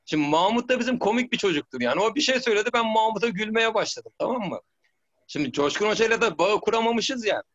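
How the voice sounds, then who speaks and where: A man's voice: sits high, lively intonation, quick pace, fairly bright tone, highs cut off. A middle-aged man, a former footballer, telling stories in a rambling way, with many restarts and "tamam mı?" checks. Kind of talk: casual storytelling interview.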